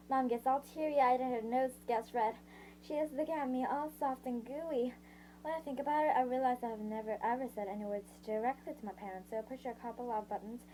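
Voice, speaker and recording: A warm, fairly high female voice reads a novel aloud in the first person over poor audio with slight background noise. It's amateur narration, halting and full of restarts and self-corrections, with breaks where she sums things up herself.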